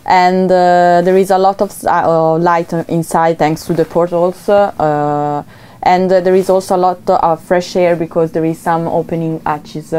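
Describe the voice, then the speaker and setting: Young woman, warm and smooth, halting English, boat tour guide in a cabin. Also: fairly low pitch, level tone. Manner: halting, searching for English words. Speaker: boatyard representative. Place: inside a sailboat cabin.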